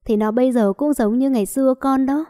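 A woman voicing a gentle middle-aged mother-in-law who speaks in a soft, placating way. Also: high-pitched, fairly quick, lightly acted. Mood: soothing.

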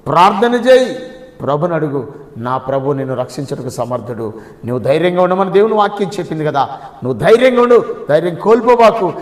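High-voiced impassioned pastor, echoey hall. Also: male voice. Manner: impassioned preaching with repeated rising appeals; swings between loud exhortation and quiet, low blessing. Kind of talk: daily devotional sermon. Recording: echoey room with long hall reverb.

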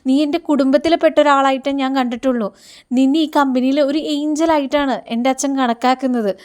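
A woman's voice: high voice, fairly even intonation, a little fast, a little mellow, lightly acted. Woman voicing an earnest young man. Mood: pleading.

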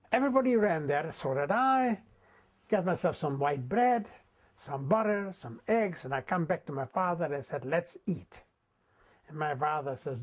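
Man in his 80s, from Czechoslovakia, non-native English, rather high voice, oral history storyteller, dramatic pauses. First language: not English. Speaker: interviewee recounting wartime memories.

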